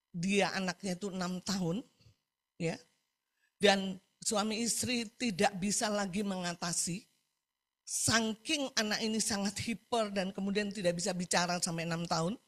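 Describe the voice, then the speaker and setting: A woman's voice: medium pitch, a bit bright. A woman preaching a sermon over a video call, emphatic, repeating key phrases and asking the congregation for agreement.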